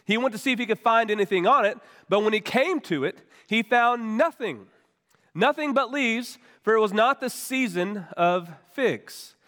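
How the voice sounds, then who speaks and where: A pastor delivers an earnest, conversational sermon, repeating and restarting his phrases. His voice sits high for a man and sounds weak and worn. The sound rings out with the long reverb of a church hall. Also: moderate pace, sharp tone. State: weak, worn voice after weeks of voice loss. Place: church sanctuary.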